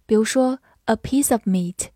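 A young woman with a slightly high, warm voice leads a scripted English vocabulary lesson, spelling every word letter by letter and reading example sentences slowly. The recording is studio quality with no echo.

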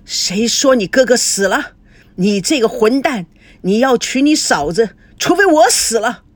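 A woman voicing a stern father shouting in rage at his son. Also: a little high, expressive, a little slow, no room sound. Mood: furious.

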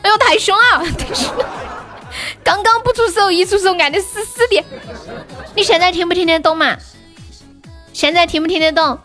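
Young woman, from Sichuan, high voice, playful, giggly, livestream chat, gaming yelps, soft music behind. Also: moderate pace, pauses often, some chatter behind. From Sichuan, China. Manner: playful, giggly, yelps and shrieks mid-game.

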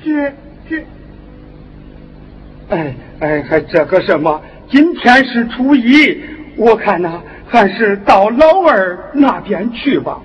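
Worried old father, slow halting words, high thin voice, dull old stage recording. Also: very animated, slight background noise, exaggerated voice. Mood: fretful. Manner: hesitant, fretful, slow. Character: old father pushed between his scheming children. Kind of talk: Henan opera stage acting.

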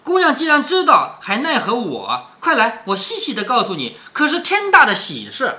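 A man's voice: very high voice, huge pitch swings, normal speed, sharp tone, heavily acted. A man voicing a greedy middle-aged sister-in-law who coaxes and fawns, read aloud from a classic novel. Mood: coaxing. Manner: coaxing, ingratiating. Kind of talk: storybook reading aloud.

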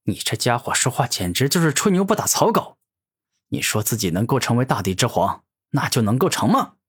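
A man's voice: mid-range voice, very animated, brisk, breathy edge. A man voicing an arrogant, furious male monster warlord who growls angry threats in a fantasy audio story. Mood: boastful.

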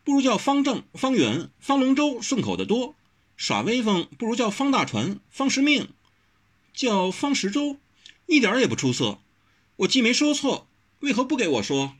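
A man voicing a spoiled, sharp-tongued young swordswoman who teases and answers pertly, in a storybook reading. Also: very high voice, very animated, normal speed, pitched above the performer's own voice, heavily acted. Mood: teasing. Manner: pert and teasing.

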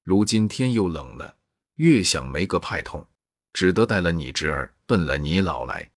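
A poor old countrywoman, humble and awkward, speaking with halting, self-effacing pleas, read by a man in his own deep, husky voice. The storybook voice is dry and close. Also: sing-song, no echo, heavily acted. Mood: humble, pleading.

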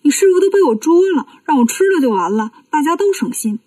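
A woman's voice: sits high, sing-song, quick pace, dark tone, no room sound, distant mic. Woman storyteller as a boastful demon boy, mocking, close dry mic. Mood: cocky. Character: cocky fire-breathing demon boy. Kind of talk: children's storybook reading.

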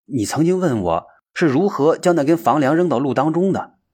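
A man doing a calm, earnest young Huineng. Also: on the high side, brisk, slightly rough, pitched above the performer's own voice. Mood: explaining.

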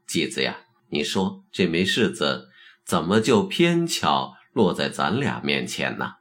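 A man's voice: a bass voice, very animated, measured pace, fairly bright tone, full character voice. A man voicing a terse old Zen master. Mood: probing. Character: elderly male Zen master, terse and probing. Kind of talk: storytelling narration.

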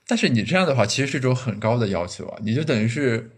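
A man's voice: medium pitch, expressive, rapid-fire, husky. A man hosting a podcast, asking curious, probing follow-up questions in a casual interview. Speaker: podcast host.

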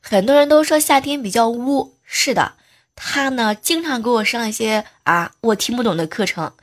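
A woman's voice: a little high, animated, normal speed, faint music behind. A woman hosting a comedy show, telling funny everyday stories in a playful, teasing way. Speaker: host. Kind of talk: comic joke storytelling.

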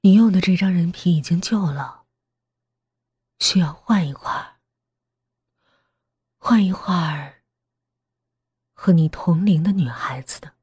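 A soft, chilling mother figure, as a woman puts her on for an audio horror story. She speaks slowly and evenly in a low, breathy half-whisper. The sound is close and dry. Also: dry recording. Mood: cold calm. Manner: flat, calm, half-whispered. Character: calm, sinister middle-aged mother who speaks softly.

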